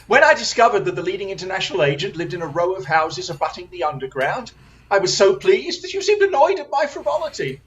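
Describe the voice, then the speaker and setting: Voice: mid-range voice, big pitch swings, quick pace, a bit bright, dull audio. A performer in an audio drama playing Sherlock Holmes as a keen, assured male detective with formal, precise, theatrical delivery. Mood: confident, explanatory.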